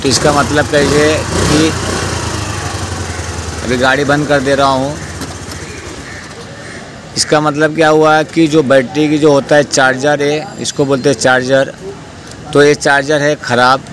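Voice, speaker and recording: A man's voice: a little high, level tone, unhurried, pauses often, a crowd in the background. A man working as a mechanic, giving a hands-on repair tutorial outdoors in plain, repetitive speech with many fillers. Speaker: motorcycle mechanic. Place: outdoor street repair spot. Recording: noisy outdoor street recording.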